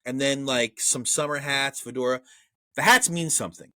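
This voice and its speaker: In a bright, forceful, mid-range voice at a moderate pace, a man with a Brooklyn accent talks about an old movie on a podcast he co-hosts. The chat is casual and profane, with trivia read aloud, and there's no room sound.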